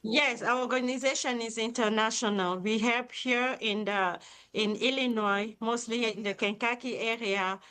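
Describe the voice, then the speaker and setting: A slightly high, smooth, fairly bright voice with a steady tone belongs to a middle-aged woman from Cameroon who founded a charity and serves as its CEO. Appearing as a live interview guest, she talks at normal speed in an upbeat, enthusiastic way.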